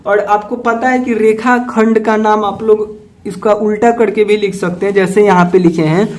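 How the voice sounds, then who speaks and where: A young man from India teaches school maths. His voice sits high for a man, and he walks through each textbook problem step by step. He keeps checking in with the class and asks questions before he answers them. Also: flat delivery, moderate pace. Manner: patient, repeats "ठीक है" and asks himself questions. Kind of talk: solving textbook exercises step by step.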